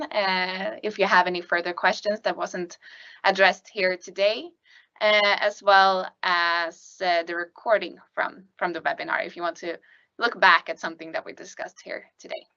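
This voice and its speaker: Bright-voiced woman hosting a webinar, slightly dull audio. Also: fairly low pitch. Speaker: webinar host and moderator. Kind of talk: hosting a panel discussion webinar. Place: studio.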